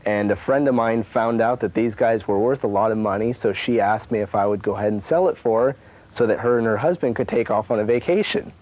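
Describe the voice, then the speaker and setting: A man's voice: fairly low pitch, brisk, lo-fi sound. A man explaining collectible prices to camera in an easygoing way with frequent ums, heard through a worn VHS tape copy. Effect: worn VHS tape sound. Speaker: collectibles dealer.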